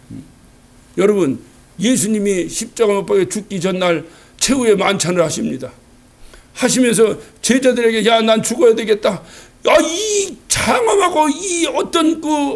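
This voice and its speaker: A male pastor preaches a Sunday sermon with a strikingly high voice that swings up and down through wide, lively pitch. His tone is gravelly and husky, and he keeps asking rhetorical questions and acting out quotes. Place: church sanctuary.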